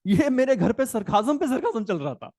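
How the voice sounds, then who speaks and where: This is a middle-aged Indian man running a live exam-prep class, teasing his students and calling them "beta". His voice sits high and moves all over the place. The sound is dry and close, with no room around it. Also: big pitch swings, fairly quick, a little mellow, no room sound. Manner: chatty, joking, calls students "beta", mixes in English. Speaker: CAT exam tutor. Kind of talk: live online class in Hindi-English mix.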